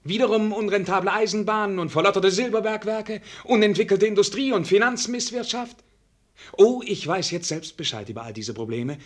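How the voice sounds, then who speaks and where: In a German radio drama, a male actor plays a melancholy young prince tired of courtly formality, declaiming with theatrical bitterness and a troubled mood. His voice sits high, animated and fairly quick.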